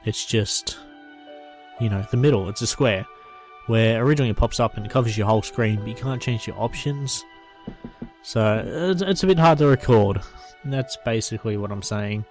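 A man's voice: lowish voice, lively intonation, brisk, a little mellow, faint music behind. A man giving casual, rambling gameplay commentary and reading on-screen text aloud. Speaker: gameplay reviewer.

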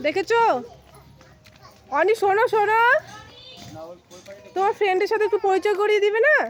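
A woman from with a sore, hoarse throat, vlogging casually to her viewers and coaxing children with repeated calls. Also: extremely high pitch, steady tone, fairly quick. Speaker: family vlogger. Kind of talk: casual vlog narration to viewers.

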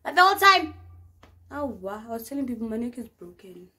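Young South African woman, storytime vlogger, bright and slightly high, chatty and expressive with her viewers. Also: brisk. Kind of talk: casual storytime chat.

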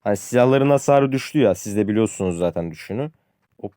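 A man's voice: lowish voice, lively intonation, fast, mellow, no room sound. Frustrated young man ranting over gameplay. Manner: frustrated, ranting about the game; addresses viewers as friends, says "abi" often. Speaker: gaming youtuber. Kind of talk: casual gameplay commentary.

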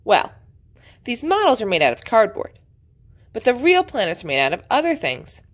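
A woman's voice: a little high, wildly swooping pitch, moderate pace, pitched above the performer's own voice. A woman voicing a clever little boy who knows all about space, in a storybook read-aloud, answering eagerly.

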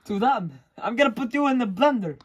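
A man voicing a cannibal diner cook in an amateur comedy skit, hesitant and full of fillers, breaking into loud threats. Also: very high voice, lively intonation, a little fast, husky, exaggerated voice. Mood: gloating. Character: cannibal diner cook, male, adult, menacing.

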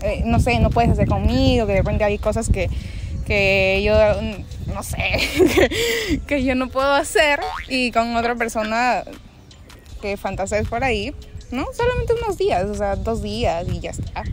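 A woman's voice: on the high side, animated, a little slow, music in the background. A young woman outdoors in a park, speaking into a handheld mic, coaxing and pleading with her boyfriend during a street prank. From Peru. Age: young adult. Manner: coaxing, pleading, then indignant. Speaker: prankster girlfriend.

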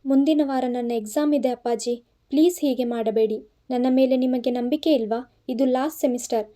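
Woman reading a tearful young student in an audio story, pleading, soft mellow voice. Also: high-pitched, fairly even intonation, normal speed, natural voice.

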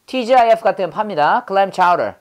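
Speaking a little fast and with animation, a woman with a mid-range voice drills English vocabulary, repeating the words and quizzing her class call-and-response style.

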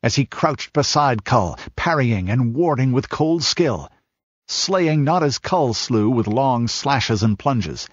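A man reading a dark fantasy tale as audiobook narrator, measured and dramatic, rising as the battle scenes build. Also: mid-range voice, breathy edge, dry recording. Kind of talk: scripted narration. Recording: dull lo-fi audiobook recording.

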